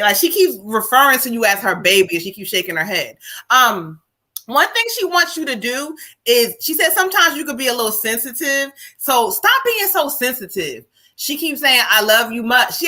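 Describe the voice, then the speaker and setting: A woman medium gives a live-stream card reading in a high, pushed, bright voice. She talks colloquially, calls the listener "child," and relays spiritual messages, switching into quoted lines as she passes them on.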